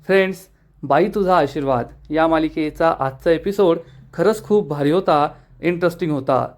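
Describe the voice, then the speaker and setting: A man's voice: fairly high pitch, moderate pace, a little mellow. A man with a Marathi accent, retelling a TV serial episode as a reviewer and reading out the characters' lines. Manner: storytelling, reading out dialogue of the characters.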